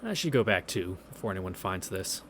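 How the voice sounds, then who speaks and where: Reading through a visual novel on stream, a man breaks in with offhand, irreverent and profane comments while game music plays in the background. His low, sing-song voice is a little fast and a bit bright, with a slight hiss or hum on the recording.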